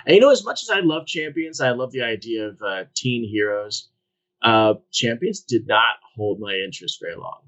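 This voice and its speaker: A man's voice: medium pitch, expressive, moderate pace, a bit bright, highs cut off. A man co-hosting a casual podcast, talking candidly with casual swearing and meandering asides. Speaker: podcast co-host. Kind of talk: casual chat about comics.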